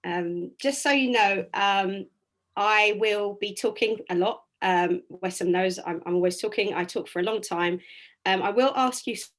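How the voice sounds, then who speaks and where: Over a video call, a woman runs a live online wellbeing workshop, talking in a chatty, direct way full of ums and restarts. Her mid-range voice is a bit raspy today, and her pace is moderate.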